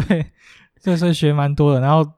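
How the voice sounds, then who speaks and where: Fast-talking young man, mellow tone. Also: a little high, fairly even intonation, clear, resonant tone, dry recording, studio quality. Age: young adult. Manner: quick, laughing, self-mocking. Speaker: departing intern. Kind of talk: casual podcast chat.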